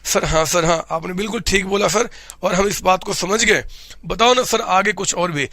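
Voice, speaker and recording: A man voicing a cheeky, doubtful young student who answers his teacher with quick, deferential "sir" replies. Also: sits high, sharp tone, no room sound. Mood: eager.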